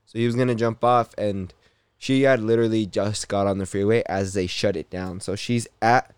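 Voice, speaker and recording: Laid-back young man, low smooth voice. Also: fairly even intonation, normal speed, no echo. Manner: laid-back, swears a lot, many fillers. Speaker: podcast host. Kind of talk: casual chat.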